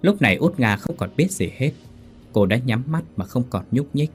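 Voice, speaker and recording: A man narrating a scripted horror story in a steady reading voice. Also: medium pitch, normal speed. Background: faint background music.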